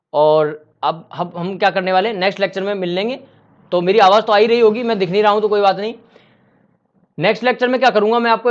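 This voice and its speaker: A man teaching civil engineering in a casual online lecture, asking and answering his own questions. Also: high voice. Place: home room during a power cut. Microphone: laptop. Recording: slightly dull lo-fi audio.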